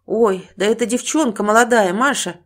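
A woman's voice: a little high, normal speed, lightly acted. A woman narrator voicing a firm, brusque older man who gives commands in an audiobook.

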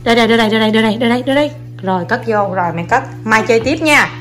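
A woman's voice: on the high side, racing, soft background music. A young mother, filming her kids and coaxing them, talking to viewers in a casual, playful way. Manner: coaxing, playful, repeats short commands to children.

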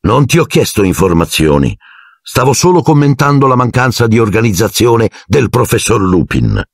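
A man's voice: medium pitch, very animated, moderate pace, creaky, no echo, studio quality, voice pushed up. A man voicing a cold, sneering male teacher who speaks with icy, silky menace in an audiobook. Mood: icy contempt.

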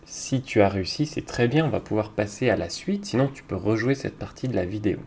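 A man teaching young children, talking slowly and patiently, with hesitant fillers. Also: on the low side, expressive, slight background noise. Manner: speaks slowly to a child, hesitant fillers, loudly claps out each word. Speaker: kindergarten teacher.

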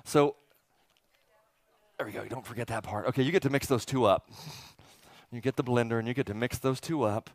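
A middle-aged pastor delivers a folksy, joking, interactive sermon from a church auditorium stage, firing rhetorical questions at his congregation and repeating phrases for emphasis. His medium-pitched voice moves a little fast with frequent pauses. He wears a headset mic, and there's no room sound.

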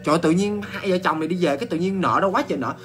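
A man with a Southern Vietnamese accent telling a ghost story in a chatty, animated way, full of exclamations and restarts. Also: sits high, racing, faint music behind.

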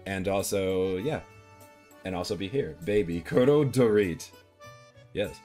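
A man's voice: sits low, measured pace, mellow, faint music behind. A man streaming live as a VTuber, chatting casually in a playful, rambling way and swearing freely.

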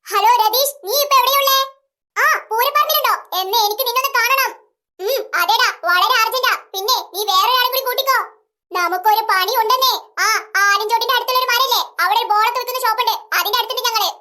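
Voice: very high voice, fast talker, bright, forceful tone. A performer voicing a haughty, scheming rich mother in a comic family sketch, dropping English words into her talk.

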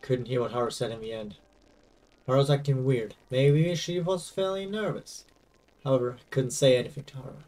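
A man's voice: medium pitch, brisk, darkish tone, recorded from a distance, natural voice. A man reading aloud as a young male game protagonist, confused and anxious, over faint game music. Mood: pained.

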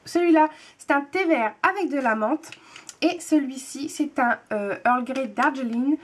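Gushing high-voiced young woman vlogger. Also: unhurried. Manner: chatty and gushing, repeats words for emphasis. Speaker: book and tea vlogger. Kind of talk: casual unboxing chat to camera.

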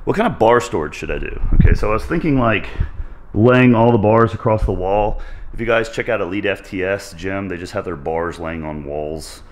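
A man in his thirties chatting casually to camera for a fitness vlog, goofy and excitable, jumping between loud bursts and low asides. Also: moderate pace, a little hiss or hum. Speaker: fitness vlogger. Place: echoey home gym. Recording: echoey room.

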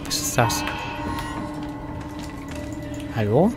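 A man commenting casually on a horror game as he plays it, joking to himself, dropping to whispers at tense moments and breaking into loud outbursts. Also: normal speed. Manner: joking running self-talk, sudden loud outbursts. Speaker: let's play gamer. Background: faint game music.

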